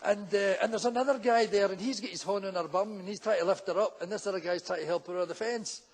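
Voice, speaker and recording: High-voiced Glaswegian man telling stand-up stories. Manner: brisk anecdotal delivery, acting out characters. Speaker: stand-up comedian. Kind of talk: live stand-up storytelling.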